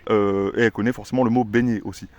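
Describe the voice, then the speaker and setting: Homme bavard qui explique le dressage de son chien. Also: male voice, lowish voice, fairly even intonation, quick pace, darkish tone, dull audio. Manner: chatty, many "euh" fillers, gives commands to the dog. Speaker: dog trainer and channel owner. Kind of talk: casual explanatory vlog with a dog.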